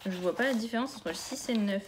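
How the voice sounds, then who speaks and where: A young woman unboxes a parcel of books on her vlog, gushing out loud over each gift and murmuring to herself between items. Her voice sits at an everyday middle pitch. Faint background hiss and small clicks run under the recording. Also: fast. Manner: gushing, exclamatory. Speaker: book vlogger. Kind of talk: casual unboxing chat.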